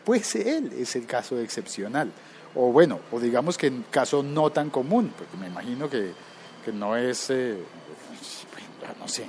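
A man's voice: mid-range voice, sing-song, normal speed, a little mellow, slight background noise. A man hosting a live tech podcast, chatting loosely, drifting off topic and correcting himself as he goes. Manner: rambling, easily sidetracked, frequent self-corrections. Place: recording room at work.

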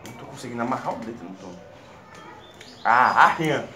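A man's voice: medium pitch, expressive, fairly quick, pushed and bright. A young man from the northeast speaking as a father in a casual home video, patiently coaxing his child with step-by-step instructions. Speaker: father filming his son.

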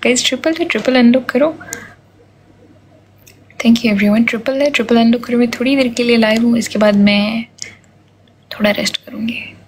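A hoarse woman with a slightly high voice hosts a casual live stream from her phone. She chats along, thanks viewers by name and urges them on, keeping her voice low so as not to wake the house. Faint noise sits behind her. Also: normal speed, pauses often. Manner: keeps voice down as others sleep.

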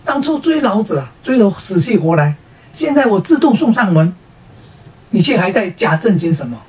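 A woman's voice: mid-range voice, very animated, moderate pace, a little mellow, distant mic, lightly acted. A woman voicing a crude, newly rich male mouse who scolds rudely in a raised, slangy voice. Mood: indignant.

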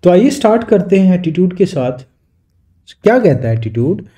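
A man teaching an exam-prep lecture, explaining in Hindi and reading definitions slowly in English. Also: high voice, sing-song, dark tone.

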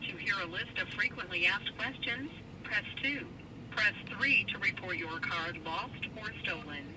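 A man's voice: high-pitched, unhurried. Automated male phone menu, spliced prompts. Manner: scripted, even menu reading. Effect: spliced-together recorded prompts. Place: car, played over a phone. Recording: distant noisy phone speaker in a car.

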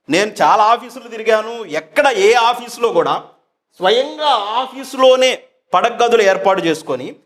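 A man's voice: sits high, fairly bright tone. Scathing male reporter. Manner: brief prompts, then scathing sarcastic commentary. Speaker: reporter of an online news channel. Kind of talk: interview and on-site report.

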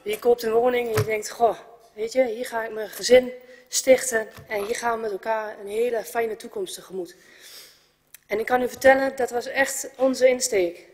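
A woman's voice: on the high side, fairly even intonation, normal speed, a little mellow. A woman in her twenties, a resident giving a composed, earnest prepared statement at a council debate. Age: 20s. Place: council chamber. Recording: reverberant council chamber.

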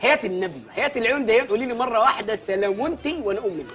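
An actor playing a blustering, excitable middle-aged village mayor in a TV comedy series. He speaks with an Egyptian Arabic accent and rants in exasperated comic bursts. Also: extremely high pitch, faint music behind. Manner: rapid, exasperated comic ranting.

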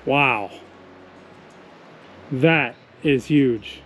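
Here a man in his forties vlogs a forest hike, musing casually about the trees around him. He has a mid-range, fairly bright voice and draws out his words. Captured on a held or worn action camera outdoors, the audio is rough, with a little hiss or hum.

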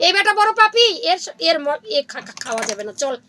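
A woman's voice: very high-pitched, big pitch swings, brisk, sharp tone, pitched above the performer's own voice, heavily acted. A woman voicing a stern, judgmental elder male jackal in a devotional story, scolding and moralizing.

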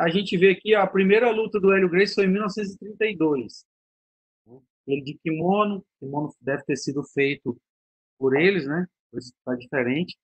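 A man lecturing over a video call in a conversational, explaining manner. His voice is a little breathy and set somewhat high, and the sound is dry and close. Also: no room sound. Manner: explanatory, conversational, frequent tag questions. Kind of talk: online lecture.

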